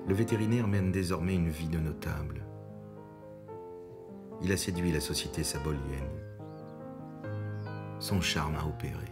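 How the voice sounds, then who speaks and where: Male documentary narrator, very low voice, measured delivery, clear music underneath.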